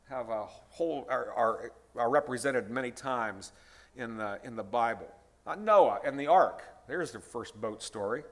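A man's voice: medium pitch, fairly bright tone. A retired pastor in his sixties, preaching a guest sermon in a conversational way and calling out to the congregation. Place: church sanctuary. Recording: reverberant church hall.

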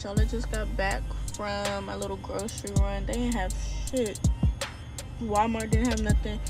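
A young woman, a college student, talking casually and animatedly straight to her phone camera in a small room, full of slang. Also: fairly high pitch. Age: young adult. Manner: chatty, slangy, animated, talks straight to viewers. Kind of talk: casual vlog talk to camera. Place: small indoor rooms, dorm and bathroom. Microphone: phone camera at arm's length.

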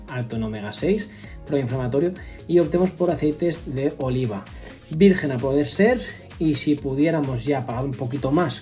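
A man's voice: medium pitch, mellow. A man in his thirties giving casual step-by-step nutrition advice at home on a webcam, with fillers and self-corrections. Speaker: nutrition vlogger. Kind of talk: casual explanatory vlog. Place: home room with wooden ceiling, indoors.

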